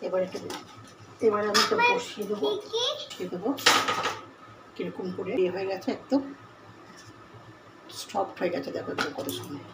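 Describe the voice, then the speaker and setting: This home cooking channel host from Bengal sounds animated, with a medium-pitched voice at normal speed and frequent pauses. Cooking in her echoey kitchen over loud cooking noise, she casually talks through each step of the demonstration.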